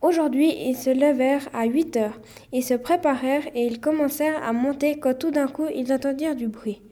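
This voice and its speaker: A woman reads a story aloud with a steady, plain delivery. Her voice is high and mellow, with little edge to it. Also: moderate pace. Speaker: narrator.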